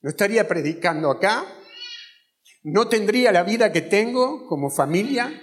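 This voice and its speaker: A man's voice: sits high, expressive, normal speed. A man with an Argentine accent preaching a fervent sermon in a chapel, with a repetitive preaching cadence. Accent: Argentine Spanish.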